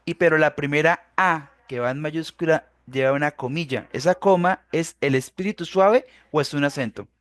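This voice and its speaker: A man's voice: on the high side, moderate pace, hardly any pauses, no echo, studio quality. A man, a student asking careful questions in a Greek class.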